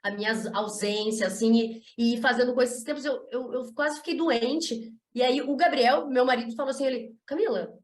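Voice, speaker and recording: A woman's voice: on the high side, fairly even intonation, brisk, hardly any pauses, reverberant. A woman co-hosting a casual podcast, telling candid stories and acting out family conversations. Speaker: podcast co-host.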